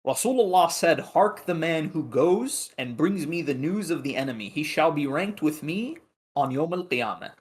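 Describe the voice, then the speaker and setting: A man giving a religious history lecture, retelling narrations in an animated way and acting out the quoted lines. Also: fairly high pitch, normal speed.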